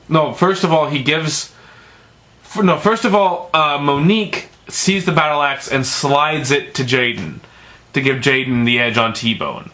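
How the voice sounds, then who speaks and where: A man's voice: mid-range voice, sharp tone. A man giving a casual, profane film review, rambling and stumbling over his words, with emphatic, exasperated complaints.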